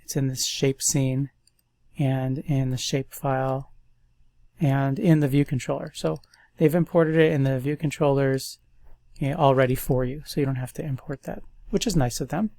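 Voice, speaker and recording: With a stuffy nose and a mid-range voice touched by vocal fry, a man talks his way through a coding tutorial at normal speed. It's a laid-back, chatty screen recording where he thinks aloud, captured without echo.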